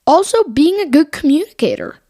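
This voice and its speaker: A woman with a high voice co-hosts an educational podcast for young listeners, reading scripted lines. She sounds sing-song and mellow while keeping a brisk pace.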